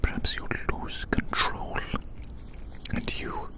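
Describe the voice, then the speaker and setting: An ASMR performer delivers a roleplay monologue in a breathy, unvoiced whisper, musing deliberately and repeating phrases.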